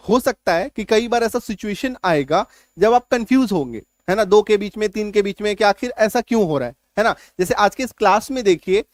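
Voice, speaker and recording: A male teacher giving an online spelling lesson, who explains slowly, spells words out letter by letter and keeps checking in with his listeners. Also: sits high, no echo, studio quality. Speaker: English teacher.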